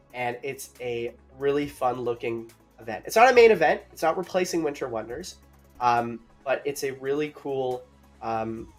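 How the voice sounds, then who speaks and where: Upbeat guy cohosting a game stream, kinda out of breath, talks to chat, faint music in the back. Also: mid-range voice. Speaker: co-host of a game livestream. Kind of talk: casual livestream chat.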